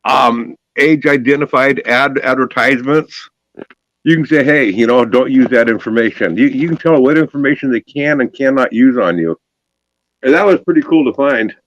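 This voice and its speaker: A man's voice: medium pitch, fairly bright tone, no room sound, low-quality recording. A man hosting a casual live stream chat outdoors, rambling and restarting his sentences. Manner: rambling, halting with many restarts. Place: outdoors behind a building.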